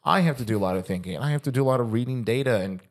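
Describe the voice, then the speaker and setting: A young man co-hosting a podcast as a fitness coach, rambling and swearing casually in relaxed chat, often saying "dude". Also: medium pitch, racing. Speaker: podcast co-host.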